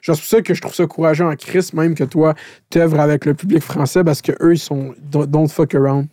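A man with a Québécois accent chats bluntly, swearing and dropping in English slang. His voice is mellow and warm, a touch higher than most men's. The recording is dry and close. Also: flat delivery, brisk, no echo. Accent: Québécois French. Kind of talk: casual chat.

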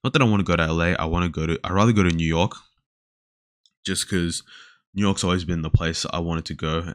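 Australian man, low voice, dry close sound, rambling solo podcast monologue, loads of fillers. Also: dry recording. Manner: rambling, filler-heavy, often trails off. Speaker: podcast host. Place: indoors talking alone to a camera.

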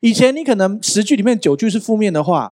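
A male pastor preaching a sermon in an animated, joking way, often asking the listeners rhetorical questions. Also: sits high, quick pace.

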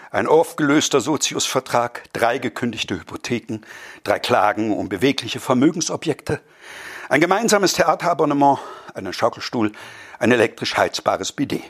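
Male reader, husky voice, lively, dry ironic delivery of satirical verse. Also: medium pitch. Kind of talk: reciting satirical prose and verse.

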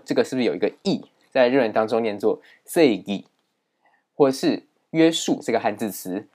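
A man teaching a language lesson in a steady explaining manner, with many fillers. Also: mid-range voice.

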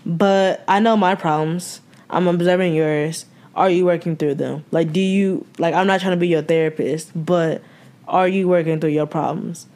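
A young woman from the American South with a Southern accent, co-hosting a casual podcast from home, talking frankly with cursing and quick restarts. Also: fairly low pitch, fairly even intonation, darkish tone. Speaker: podcast co-host. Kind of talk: casual chat. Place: home room, remote recording.

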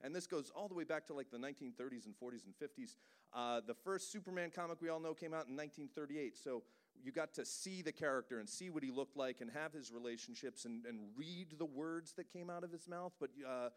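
A man's voice: a little high, a little fast. A man who works as a voice director, giving an enthusiastic, joking pop-culture talk to a live audience. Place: cinema, live event.

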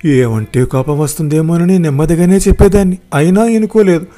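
A man's voice: fairly high pitch, a little fast, dark tone, faint music behind, lightly acted. A man voicing a frightened teenage girl confiding in her mother. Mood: distressed.

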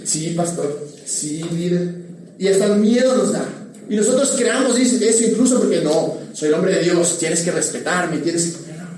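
Animated male preacher in echoey hall. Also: sits high, recorded from a distance, a little hiss or hum. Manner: candid, animated preaching with many restarts. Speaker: pastor. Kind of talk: sermon. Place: church hall.

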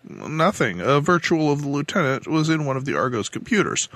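A man voicing a female mission control captain giving guarded, defensive testimony, somewhat higher and softer than his own voice. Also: very animated, a little fast, no room sound.

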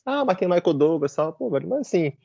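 A man chatting on a fan podcast, reasoning out loud in a relaxed, filler-heavy way. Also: sits high, fairly quick, creaky, breathy edge, dry recording, lo-fi sound. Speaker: podcast co-host, football fan. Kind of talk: casual chat.

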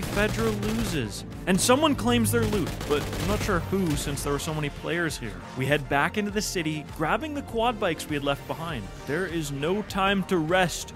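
High-pitched, animated man narrating game adventures. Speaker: video game storyteller. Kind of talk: dramatic scripted narration of gameplay. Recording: music behind the voice. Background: background music.

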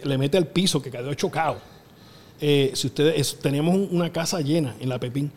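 Middle-aged Puerto Rican man, a bit high-pitched, spinning excitable backstage tales in a room with long reverb. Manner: excitable, acts out voices, laughs often. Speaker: wrestling show booker. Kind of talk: animated storytelling interview.

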